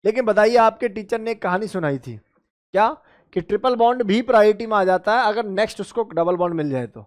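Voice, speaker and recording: A chemistry teacher, a man with a high voice, runs a lively exam-prep lecture. He drills his students by counting positions aloud and calls them beta and bhai, and his comes through on the technical terms. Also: fairly quick. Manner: addresses students as beta and bhai, asks and answers his own questions.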